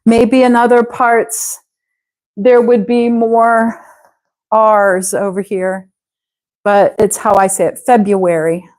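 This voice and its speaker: Slow, patient woman from Ohio teaching. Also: a little high, level tone, a little mellow. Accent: Ohio American English. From Ohio, USA. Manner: slow, patient, repeats words for students to echo. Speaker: English teacher. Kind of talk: live online English pronunciation lesson.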